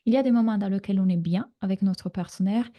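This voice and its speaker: Speaking fast at a medium pitch, this Italian woman in her thirties reassures listeners during a live online coaching masterclass, peppering her speech with fillers. She has an Italian accent, and her computer mic cuts off the highs.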